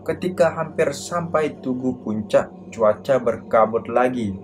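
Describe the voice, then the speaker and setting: A man's voice: mid-range voice, unhurried. A man narrating a horror story in a casual, slangy first-person way, over a noisy background.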